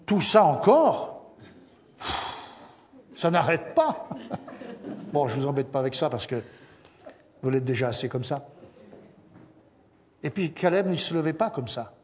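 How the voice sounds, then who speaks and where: A middle-aged man preaching a sermon as pastor, telling stories lively and acting out quotes with humorous asides. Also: medium pitch, moderate pace, pauses often, a little hiss or hum.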